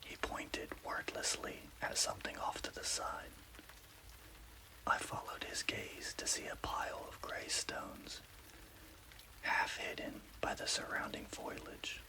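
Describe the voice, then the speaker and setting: A man narrating a scary story as ASMR in an unvoiced, breathy whisper, with careful scripted delivery. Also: unhurried, pushed and bright, rough recording.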